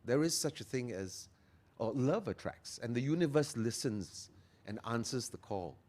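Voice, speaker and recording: A man in his fifties speaks as an interview guest, with a lively, swinging pitch line. He talks earnestly and leans into key phrases, drawing them out for weight. His pitch sits in an ordinary middle register. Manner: earnest, emphatic, slows down to stress key phrases. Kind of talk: motivational interview talk.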